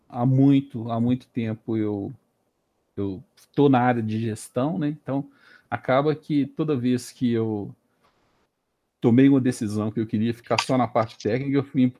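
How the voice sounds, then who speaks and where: Interview guest: male, late 40s, Brazilian Portuguese accent, relaxed dark tone, halting conversational storytelling. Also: medium pitch. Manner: hesitant, repeats words while thinking. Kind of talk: casual career storytelling.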